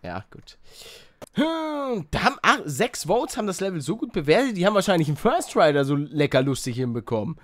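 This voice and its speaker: A young man doing excitable Let's Play commentary, yelping at failures and mixing in English slang. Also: sits high, a little fast, no room sound, studio quality. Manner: excitable, shouts and yelps at failures; mixes English slang into his talk. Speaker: gaming YouTuber.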